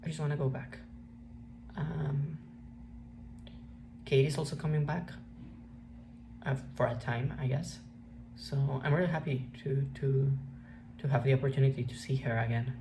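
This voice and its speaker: A young woman with a Mexican accent, native Spanish speaker, talking through a reflective personal vlog in a halting way with many restarts. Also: very deep voice. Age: young adult. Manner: hesitant, halting, frequent restarts and fillers. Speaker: vlogger. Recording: steady background noise.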